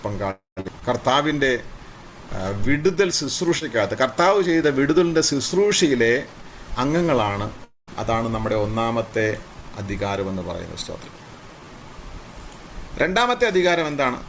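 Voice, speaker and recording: Guy pastor preaching, goes up loud on big points then mumbles praise the lord low, faint noise in the back. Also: very animated, measured pace, long pauses. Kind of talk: sermon.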